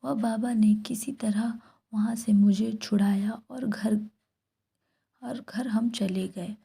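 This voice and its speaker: A woman's voice: mid-range voice, creaky, warm tone, husky. A woman whispering a first-person horror story throughout.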